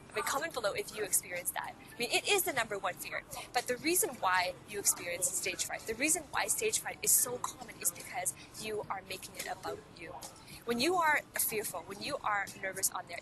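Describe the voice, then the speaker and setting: In a roughly recorded clip with background music, a Hong Kong woman whose first language is Cantonese speaks in a mid-range voice. She teaches public speaking in an earnest, motivational video lesson, peppering the viewer with rhetorical questions.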